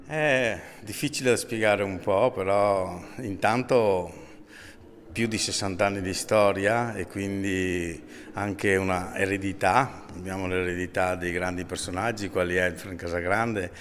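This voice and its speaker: Deep-voiced choir director in a reverberant hall. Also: male voice, steady tone, measured pace, fairly bright tone, a little hiss or hum. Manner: earnest, fluent and reflective. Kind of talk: interview answer. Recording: reverberant hall with faint ambience.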